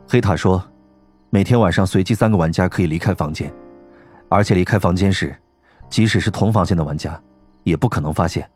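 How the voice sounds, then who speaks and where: A man voicing a calm, composed young man who speaks in a flat, clipped way. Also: low voice, brisk, breathy edge, soft background music, pitched below the performer's own voice. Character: cool, composed young man, terse and wary.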